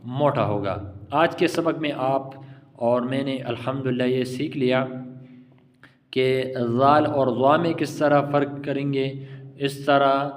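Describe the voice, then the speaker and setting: A man teaching tajweed pronunciation in a patient, encouraging lesson, repeating letters slowly and drawn out. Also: medium pitch, fairly even intonation, long reverb tail. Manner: affectionate, encouraging. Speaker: Quran recitation teacher.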